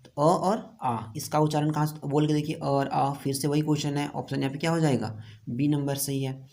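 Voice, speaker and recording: A man with a mellow, soft-edged voice and a Jharkhand accent teaches an exam-prep lesson. He works through quiz questions in order, asks each one aloud and answers it himself in a steady, explaining way. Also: mid-range voice. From India. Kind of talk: online lesson going over quiz answers.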